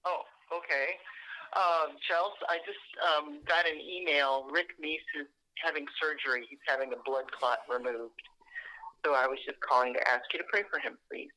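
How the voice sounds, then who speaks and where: A woman, a host's mother, calling in on speakerphone and speaking in a hesitant, halting way. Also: deep voice, steady tone, sharp tone. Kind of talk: casual phone call. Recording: tinny phone line on speakerphone.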